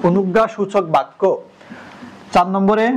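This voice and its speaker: Young Bangladeshi male teacher, high voice, quizzing the class. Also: steady tone, moderate pace, a little hiss or hum. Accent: Bangladeshi Bengali. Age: young adult. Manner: asks the class questions, repeats answers. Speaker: coaching center teacher. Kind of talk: classroom lecture.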